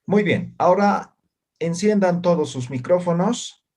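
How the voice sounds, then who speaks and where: A man leads a language lesson over a video call, speaking slowly and calmly with a slightly husky voice. He keeps checking that his students are following with short tag questions. He says practice syllables loudly and distinctly. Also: sits high. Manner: patient, ends phrases with "¿ya?" and "¿no?". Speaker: language teacher. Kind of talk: online class.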